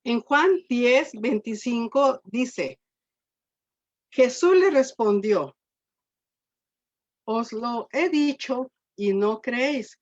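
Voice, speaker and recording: A woman preaching a sermon, her voice sitting a little high. She keeps checking in with the congregation through tag questions and restarts words as she thinks aloud. The recording is dull and lo-fi. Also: lively intonation, extremely slow, long pauses.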